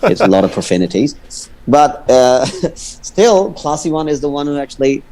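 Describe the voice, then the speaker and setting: This livestream guest from India, Punjabi-speaking by birth and using English with an Indian accent, has a dark, medium-pitched voice with big swings in pitch at normal speed. He chats casually but stammers and restarts sentences often. The audio is poor, with a little hiss or hum.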